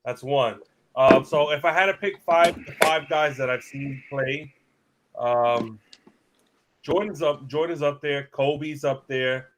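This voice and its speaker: A man in his thirties on a casual sports talk livestream, energetic and opinionated, with fillers and repeated starts. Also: fairly high pitch, takes it slowly, slight background noise. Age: 30s. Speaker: sports talk show regular.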